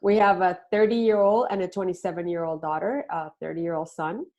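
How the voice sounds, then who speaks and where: Middle-aged woman, interview guest, lower voice, hesitant, many fillers, casual. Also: brisk, warm tone, muffled recording. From Puerto Rico. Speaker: podcast guest, parenting expert.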